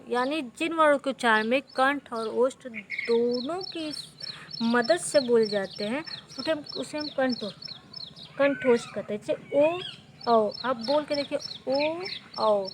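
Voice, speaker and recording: A woman teaching a grammar lesson at a slow, deliberate pace, her voice set a little high. She walks through each point step by step, asks her students questions and then answers them herself. Faint hiss sits under the recording. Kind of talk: exam-prep grammar lesson.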